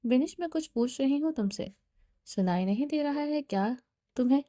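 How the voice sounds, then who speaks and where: A woman's voice: sits high, animated, warm tone, no room sound, studio quality. A woman reading the part of an insistent young wife who presses hard with questions, firmly.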